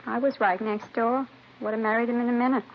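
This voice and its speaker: Playing a chatty, plain-spoken older neighbor who complains wistfully and matter-of-factly, an actress performs in a 1940s-50s radio crime drama. She speaks quickly, her fairly high voice close to everyday speech with fairly even intonation, on a noisy, dull vintage recording.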